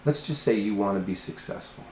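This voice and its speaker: A man's voice: lowish voice, animated, a little fast, a little mellow. An earnest, emphatic man coaches a client in an easy conversational way, now and then acting out the voices he quotes. The room sounds roomy, with faint ambient noise in the background. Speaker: host, life coach.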